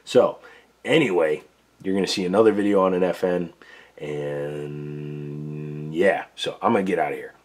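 A man with a very deep, darkish voice, unhurried and clearly losing it, gives a casual, plain-spoken tabletop demo step by step at an indoor workbench. He is a gun reviewer and show host.

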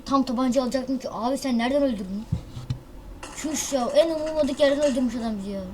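Excitable woman gamer, high voice. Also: slight background noise. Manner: excitable, loud outbursts and quick exclamations; slangy, self-mocking banter with viewers. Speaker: gaming channel host. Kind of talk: live mobile shooter gameplay commentary.

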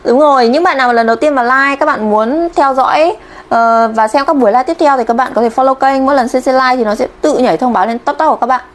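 Chatty Vietnamese teacher on a livestream. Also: female voice, high-pitched, fast talker. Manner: chatty, keeps checking in with viewers. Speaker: Japanese teacher. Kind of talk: live-streamed kanji lesson.

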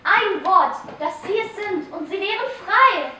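A woman's voice: extremely high pitch, animated, a little slow, sharp tone, exaggerated voice. A young woman acting on stage as an earnest advocate pressing a stubborn woman for answers. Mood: persuading. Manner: insistent, urging questions. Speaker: stage actor in a school theatre group. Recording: echoey hall from far off.

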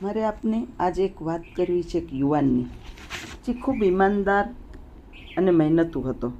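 A woman's voice: lowish voice, animated, normal speed, mellow, a little hiss or hum. A woman storyteller narrating a moral story in a plain, homely way, in a muffled lo-fi recording.

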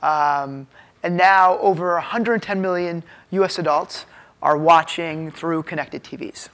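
On an indoor stage in a hotel conference ballroom, an American man in his thirties, a tech executive, delivers an informal keynote over a lapel mic. His fairly high, fairly bright voice stumbles through frequent hesitations and fillers.

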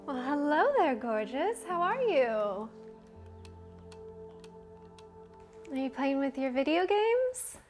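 A woman's voice: sits high, sing-song, measured pace, darkish tone, faint music behind. An actress playing a polite, awkward young girlfriend with a hesitant manner in a naturalistic drama. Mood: friendly, eager. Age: young adult. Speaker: actor. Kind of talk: naturalistic scripted drama acting. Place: indoors in an apartment.

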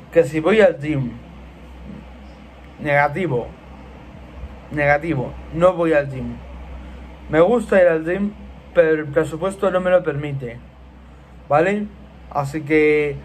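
A man with a fairly high-pitched voice records a casual vlog on a laptop webcam in a small room, answering his followers' questions amid slight background noise. He rambles chattily, repeats himself, and gestures a lot with his hands.

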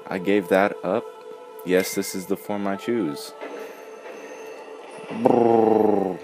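A man's voice: deep voice, fairly even intonation, very slow, over music. A man commenting casually on his gameplay, cracking jokey, sarcastic asides. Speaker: let's play gamer.

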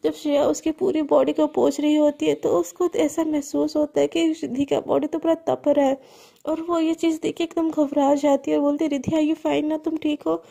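A woman's voice: high voice, flat delivery, normal speed, vocal fry, dark tone. A woman telling a serialized love story in a conversational, intimate way.

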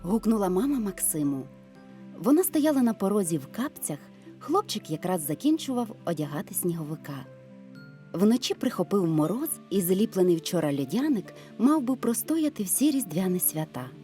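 A woman narrating a scripted audio fairy tale in a studio with a gentle, expressive voice. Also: mid-range voice, normal speed. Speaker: storyteller. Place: recording studio. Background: soft music.

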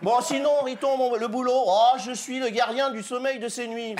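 High-voiced man telling a comic story. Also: steady tone, moderate pace, a little hiss or hum. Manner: storytelling, voicing characters in dialogue. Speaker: comedian. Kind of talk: comic monologue on stage. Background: audience laughter.

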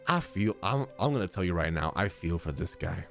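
A man in his thirties streams games from a small indoor gaming room, reacting live in a casual, slangy way. His voice is deep and gravelly, expressive and fairly quick, picked up close by a desk microphone while he wears a headset. Game music plays in the background.

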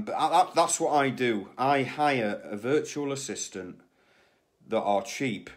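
Seated in an office chair inside a small room, a medium-pitched man in his forties streams live about reselling surplus goods, with a phone camera at arm's length picking him up. His advice rambles casually, packed with fillers and restarts, while his hands gesture as he talks.

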